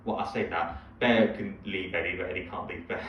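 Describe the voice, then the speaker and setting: A man's voice: deep voice, fairly even intonation, fairly quick. A young man co-hosting a podcast, chatting casually and rambling through stories with laughs. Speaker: podcast co-host. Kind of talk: casual chat. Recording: echoey, distant, dull sound with faint hiss.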